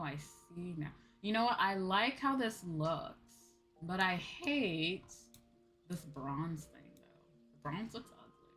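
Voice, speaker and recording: Playing an online game on a livestream, a woman with a fairly low, slightly bright voice chats casually and reasons out loud. She leans on "you know" and "like," and music runs in the background.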